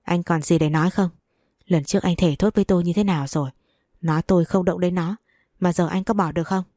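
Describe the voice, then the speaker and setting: A woman's voice: lowish voice, fairly even intonation, fast talker, warm tone, no echo, clean studio sound, close to an everyday voice. A woman voicing a furious, betrayed wife who curses and scolds harshly.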